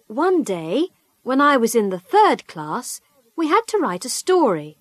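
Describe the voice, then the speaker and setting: A woman reading a short personal story for a language course in a clear, careful way, recorded in a dry studio. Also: a little high, very animated, a little slow, no echo. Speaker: model speaker in a language course.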